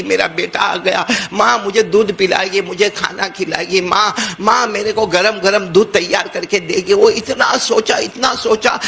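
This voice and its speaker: Gravelly high-voiced fervent male preacher. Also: bright, forceful tone, a little hiss or hum. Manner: fervent, dramatic. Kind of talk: emotional sermon storytelling.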